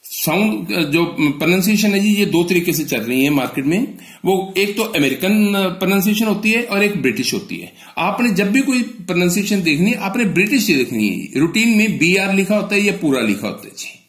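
A man from northern India teaching an exam-prep lesson in a slightly high voice. He asks questions and answers them himself, with polite "ji" all through. The room is echoey. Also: big pitch swings, fairly quick, a bit bright. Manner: addresses the students with a polite "ji".

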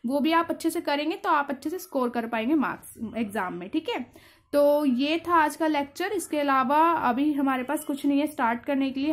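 Female tutor with a high voice and a patient, step-by-step lecturing manner. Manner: explains patiently, checks in with "theek hai". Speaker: commerce teacher.

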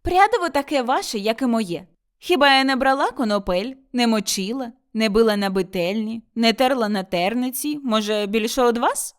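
A woman's voice: on the high side, normal speed, natural voice. A woman reading an audiobook, voicing a stubborn young daughter-in-law who answers back curtly and defiantly. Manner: curt, defiant, retorting. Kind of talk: audiobook character voice.

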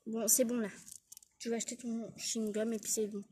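A woman's voice: a little high, little pitch movement, brisk, dark tone, a little hiss or hum, lightly acted. A woman voicing a stern, bossy female schoolteacher giving orders.

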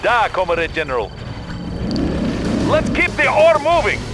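Proud soviet miner in a game, hearty, wildly swinging pitch, loud music behind. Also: male voice, huge pitch swings, a little slow, heavily acted. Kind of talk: video game unit responses. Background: loud music and battle sounds.

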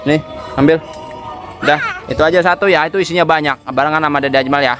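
A young dad with a lilt films his little boy on a phone, speaking in a coaxing, playful way and asking the same thing again and again. His voice sits a touch higher than most men's, with faint music under it. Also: steady tone, fast. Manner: coaxing, playful, repeats himself to a small child. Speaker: father filming his son. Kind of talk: casual family vlog narration. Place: shop and street outdoors.

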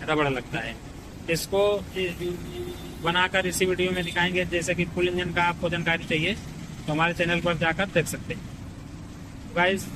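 A man's voice: fairly high pitch, background noise. A young man who works as a motorcycle mechanic, explaining engine parts in a casual how-to vlog step by step, often saying "guys". He is outdoors in front of a street-side shop, speaking into a phone held close. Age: young adult.

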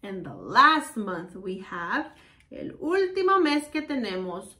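Lady teaching little kids, super slow, repeats every word, echoey room, faint hum behind. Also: mid-range voice, very animated, bright, forceful tone, recorded from a distance. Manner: slow, sing-song repetition of words for children. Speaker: children's teacher. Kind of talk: bilingual lesson for kids.

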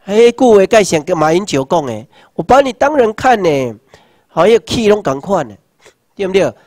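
A man's voice: high-pitched, sing-song, moderate pace. 60s taiwanese guy giving a heated political lecture, raises his voice a lot, dry sound, no room echo. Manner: impassioned, full of rhetorical questions, shouts slogans. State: numb hands and feet. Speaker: seminar lecturer.

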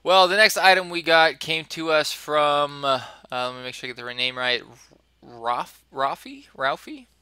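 A man co-hosting a podcast, chatting casually about listener-sent game items in a relaxed way. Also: fairly high pitch, normal speed, clean tone, no echo. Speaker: podcast co-host. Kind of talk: casual gaming chat.

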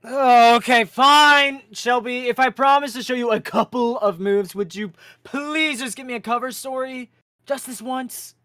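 A woman voicing an excitable, exasperated teenage brother in a game roleplay, loud and pleading. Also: a little high, a little slow, dry recording, clean studio sound, pitched above the performer's own voice. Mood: reluctant, exasperated. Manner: loud, pleading, sibling bickering. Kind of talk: acted role in a Minecraft roleplay.

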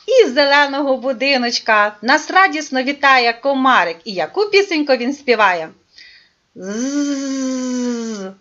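A woman teaching a speech therapy lesson to young children, talking in a drawn-out, sing-song way. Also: sits high, bright, forceful tone. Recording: dull lo-fi recording.

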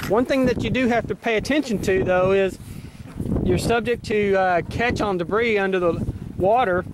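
A man giving a relaxed, casual fishing how-to while out on a pontoon boat, filled with uhs. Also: sits high, moderate pace. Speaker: fishing vlogger. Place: pontoon boat on a windy lake, outdoors. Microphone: handheld camera mic. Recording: heavy wind and boat noise on mic.

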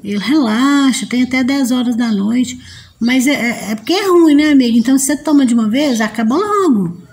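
A woman's voice: high-pitched, lively intonation, fairly quick, darkish tone. A woman with a Brazilian Portuguese accent hosting a casual live stream from home, chatting with viewers and reading their comments aloud. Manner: chatty and homely, talks straight to viewers as friends. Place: at home near her potted plants. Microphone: phone streaming live.

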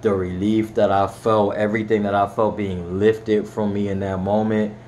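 A man's voice: lowish voice, level tone, normal speed, darkish tone, slight background noise. A young man earnestly telling his personal faith story in a heartfelt, rambling way, his voice cracking at times. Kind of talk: personal testimony vlog.

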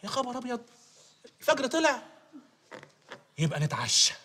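A man's voice: very high-pitched, very animated, fairly quick, sharp tone, full character voice. An actor playing an overbearing Egyptian host who insists on his guests staying, swearing oaths and making escalating threats in a comedy sketch. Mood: insistent. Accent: Egyptian Arabic. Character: overbearing male host Awad, pushy hospitality.

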